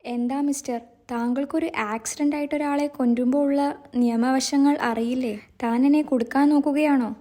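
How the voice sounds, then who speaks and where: Brisk, firm hospital doctor, read by a woman; quick, high, mellow voice. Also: fairly even intonation, lightly acted.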